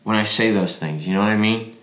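A man voices a foggy, drugged young man with an injured, bleeding mouth, who rambles, loses his thread and repeats himself. His voice sits low, and it rings in a roomy, echoing space. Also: a little fast, fairly bright tone, natural voice. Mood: confused. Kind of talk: audio drama acting. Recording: roomy echo.

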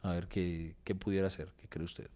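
A man's voice: sits low, level tone, moderate pace, dark tone. A Colombian man chatting casually and joking at his own expense while short on sleep. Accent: Colombian Spanish. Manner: joking, laughs at himself, repeats words. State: sleep-deprived. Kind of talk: casual chat.

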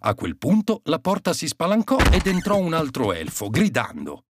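A man narrating a children's story in an animated, expressive way on a close mic. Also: on the high side, normal speed, noisy background.

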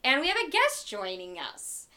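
Bright-voiced woman hosting a podcast. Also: sits high, wildly swooping pitch, moderate pace. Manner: playful, leads the show. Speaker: podcast co-host. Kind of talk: casual podcast chat.

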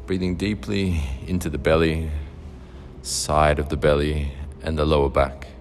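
A man guiding a meditation in a soft, soothing, unhurried way, leaving long pauses between phrases. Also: very deep voice, flat delivery, slight background noise. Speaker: meditation guide. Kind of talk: guided meditation narration.

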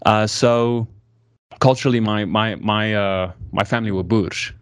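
This studio-quality, dry recording features a South African man in his twenties with a lowish, steady, clean-toned voice. As a guest in a casual interview, he speaks unhurriedly and thoughtfully, often correcting himself mid-sentence.

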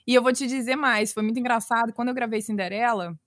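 Brazilian mom podcaster chatting, bit high voice, dry close sound, bounces into little impressions. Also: female voice, fast, no echo. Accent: Brazilian Portuguese. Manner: animated storyteller, imitates voices while retelling. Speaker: children's story podcaster. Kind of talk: casual interview chat.

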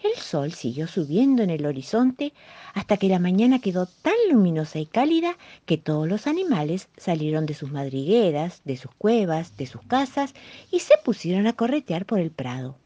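A woman with a Rioplatense accent reading children's bedtime stories in an expressive, warm way. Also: lowish voice, normal speed, no echo, lo-fi sound. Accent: Rioplatense Spanish. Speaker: storyteller. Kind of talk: children's story narration.

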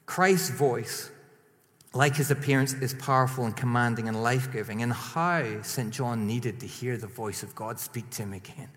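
A man preaching a sermon in a lively, emphatic way, rising to strong peaks and then dropping quiet. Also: medium pitch, normal speed. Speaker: pastor. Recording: long hall reverb.

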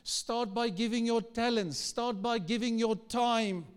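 A male pastor delivers a sermon in the manner of a pep talk, exhorting listeners with repeated questions and commands. His voice is high for a man and smooth, with an unhurried, slow pace. It rings through a large hall. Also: fairly even intonation. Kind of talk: rousing sermon exhortation, like a pep talk, calling for crowd response. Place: large reverberant church hall. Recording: long hall reverb.

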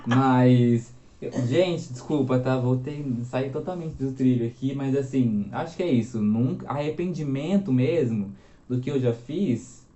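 A young man in his twenties from Minas Gerais tells his story as an interview guest, chatty and animated. His voice sits at a middle pitch with a dark, mellow tone. The recording is roomy and a little dull. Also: a little slow. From Minas Gerais, Brazil. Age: 20s. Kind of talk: casual interview chat.

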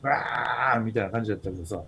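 A man's voice: fairly low pitch, fairly even intonation, rapid-fire, darkish tone, slight background noise. A man with a Kansai accent, hosting a podcast in casual chat, telling rambling stories full of fillers. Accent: Kansai Japanese. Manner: rambling storytelling with many fillers. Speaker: podcast host.

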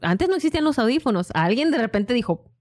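Animated woman co-host, quick asides. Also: on the high side, no room sound. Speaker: podcast co-host. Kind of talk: casual chat.

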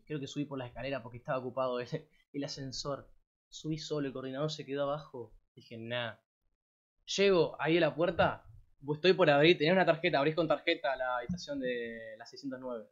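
A young man in his late teens with an Argentine Rioplatense accent, telling a story casually to a live audience as a streamer, rambling and slangy with plenty of swearing. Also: on the high side. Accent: Argentine Rioplatense Spanish. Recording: dull lo-fi recording.

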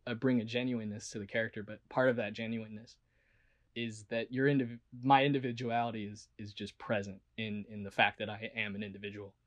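A man's voice: on the low side, level tone, a little fast, dull audio. A man who works as a voice actor, talking casually and earnestly in an interview, rambling with lots of "like" and restarts. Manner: earnest and self-reflective.

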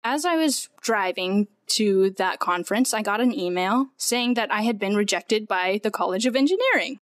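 A woman's voice: mid-range voice, animated, moderate pace, no echo, studio quality. A young woman, a podcast guest, earnestly telling her personal story with many "like" fillers. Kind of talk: personal testimony in conversation.

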